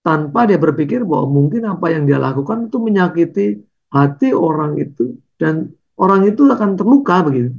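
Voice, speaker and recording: A man's voice: on the high side, very animated, brisk, vocal fry, a little mellow, slightly rough, lo-fi sound. A man preaching a conversational sermon over slides, tagging his phrases with "ya" and "gitu".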